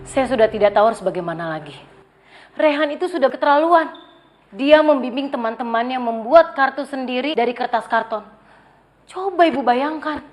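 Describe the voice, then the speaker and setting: A woman's voice: high voice, expressive, normal speed. A woman playing an exasperated schoolteacher who sternly complains to parents about a misbehaving pupil. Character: exasperated adult woman teacher.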